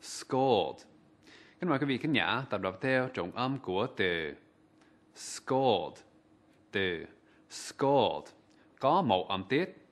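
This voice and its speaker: A man presenting a TV English vocabulary lesson, pronouncing words slowly and formally for viewers to repeat. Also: fairly low pitch, big pitch swings. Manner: slow, formal, deliberate enunciation. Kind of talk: scripted pronunciation drill.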